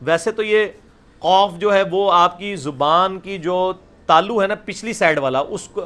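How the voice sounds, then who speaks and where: A man teaching a recitation class over a video call, repeating each sound slowly and loudly for his students. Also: high-pitched.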